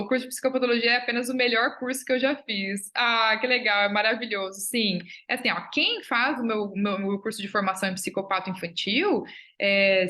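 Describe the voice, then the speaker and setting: A woman's voice: mid-range voice, fairly bright tone. A woman with a Brazilian Portuguese accent teaching a live online class, chatting upbeat and answering viewers' comments. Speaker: child psychology course instructor.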